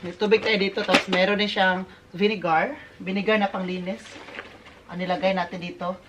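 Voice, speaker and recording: A woman's voice: medium pitch, fairly even intonation, a little fast, background noise. A woman from the Philippines chatting casually to her viewers in a home vlog, often laughing and dropping English words into her talk. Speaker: vlogger. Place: home in Germany, indoors and outdoors.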